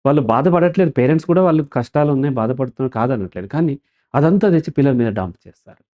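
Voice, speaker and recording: Through a muffled recording, a man with a mid-range voice speaks rapid-fire. He's being interviewed as a counselor guest and explains in an animated manner, often asking something and answering it himself.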